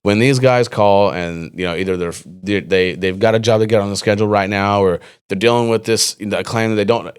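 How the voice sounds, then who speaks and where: A man's voice: on the low side, steady tone, a little fast, hardly any pauses, clear, resonant tone. A man hosting a podcast interview, talking casually and rambling with many fillers and restarts. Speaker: podcast host.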